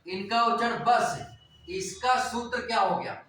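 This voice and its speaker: A man lectures a class in a high, bright voice, posing questions and answering them himself as he goes step by step. He stands some way from the mic, so the sound is boomy and echoey, with a faint hum of the room behind him. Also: a little slow, far from the mic. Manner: explains step by step, asks and answers own questions. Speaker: teacher.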